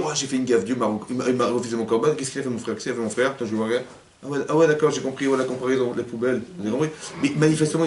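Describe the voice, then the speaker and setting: A man teaching a lively interactive class as a rabbi, acting out little scenes and putting questions to his listeners. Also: mid-range voice. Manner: animated, acts out little scenes, questions the audience. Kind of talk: lively interactive Torah lesson. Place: community hall. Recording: echoey room, mic at a distance.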